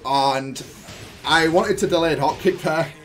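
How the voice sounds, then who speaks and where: With soft background music behind him, a man whose voice is a little high speaks unhurriedly. As a gaming YouTuber reviewing his own match, he offers explanatory commentary full of gaming jargon while thinking out loud.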